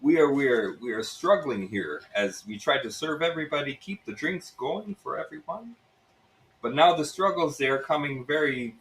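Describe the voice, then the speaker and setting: A man voicing a gruff male innkeeper with a Russian accent and broken English. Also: medium pitch, a bit bright, slight background noise, low-quality recording.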